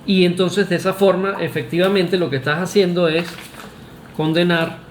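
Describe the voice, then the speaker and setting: A man's voice: high voice, fairly even intonation, moderate pace, reverberant, a little hiss or hum. A Venezuelan man with a Venezuelan Spanish accent, giving an emphatic, argumentative opinion monologue to camera, with restarts and "este" fillers. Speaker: vlogger.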